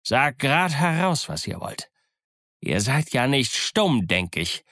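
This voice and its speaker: A man's voice: mid-range voice, sing-song, takes it slowly, sharp tone, no echo, clean studio sound, pitched above the performer's own voice, full character voice. A man voicing a scheming old one-legged pirate captain who growls threats and mocks his crew. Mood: menacing, scornful. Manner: growling threats, mocking and commanding. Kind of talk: audiobook character voice.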